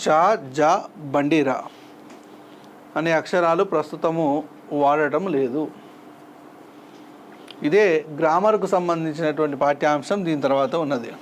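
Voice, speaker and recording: A man teaching a textbook lesson, saying each word twice and explaining it slowly for his students. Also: fairly high pitch, a little hiss or hum.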